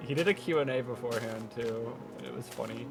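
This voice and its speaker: A man chatting casually on a group call, telling stories in a relaxed, rambling way. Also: mid-range voice, fairly quick, creaky, over music. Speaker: podcast co-host. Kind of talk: casual storytelling chat.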